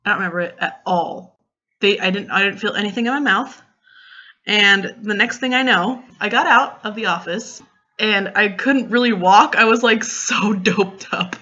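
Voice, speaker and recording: A young woman chatting casually in a vlog, retelling a story in an animated way with lots of fillers and quoted dialogue. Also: medium pitch, moderate pace, lo-fi sound. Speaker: vlogger.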